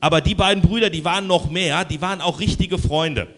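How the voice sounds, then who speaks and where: Man telling a children's story. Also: brisk. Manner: lively, with hushed low asides.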